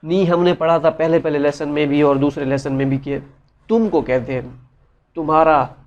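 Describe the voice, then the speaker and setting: A man's voice: a little high, steady tone, normal speed, muffled recording. A man giving a casual spoken lesson, patiently explaining and repeating each word many times, with many fillers. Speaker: language teacher. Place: side room with noise around.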